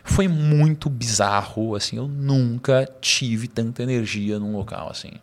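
A man, a podcast guest telling a story in a lively, slangy way with laughs. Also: medium pitch, unhurried. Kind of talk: casual storytelling interview.

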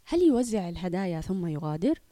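Female storyteller, clear children's-story narration, dry close recording. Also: fairly low pitch, sing-song, fast talker, mellow, no room sound.

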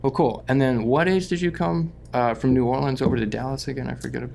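A man hosting an interview podcast in a relaxed, joking, chatty way. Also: medium pitch, fast, creaky. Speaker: podcast host. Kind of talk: casual interview chat.

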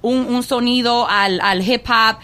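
Bilingual woman guest, halting fillers. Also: on the high side, fairly even intonation, pushed and bright. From New York. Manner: mixes English words into Spanish, halting with fillers. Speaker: guest artist. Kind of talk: casual radio interview chat.

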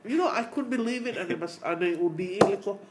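Higher-voiced Chamorro-accented man, chatting emphatically. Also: fast talker. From Mariana Islands. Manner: emphatic, repeats words and phrases. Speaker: podcast guest. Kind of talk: casual conversation mixing English and Chamorro. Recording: steady background ambient noise.

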